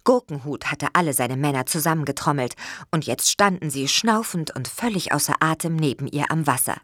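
A woman reading a children's storybook aloud in a gentle, expressive way. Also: deep voice, brisk, dry recording, studio quality. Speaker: narrator.

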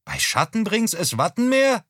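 A man's voice: high voice, wildly swooping pitch, moderate pace, a bit bright, no room sound, studio quality, pitched above the performer's own voice, heavily acted. A man reading a comic story aloud and voicing a cheerful, unbothered middle-aged housewife in a raised, chirpy voice.

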